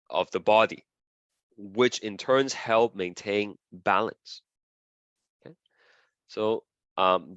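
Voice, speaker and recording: A man's voice: fairly low pitch, a bit bright, no echo, dull audio. A man lecturing a class, repeating key terms as he draws and often asking "okay?" and "right?".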